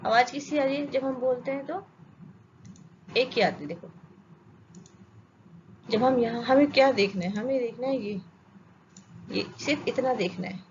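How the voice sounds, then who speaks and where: A woman's voice: on the high side, a little slow, pauses often, background noise. A woman teaching an English grammar lesson with an Indian accent. She asks questions, answers them herself, and checks that her students follow. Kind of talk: classroom lesson explaining grammar. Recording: dull lo-fi sound with faint ambience.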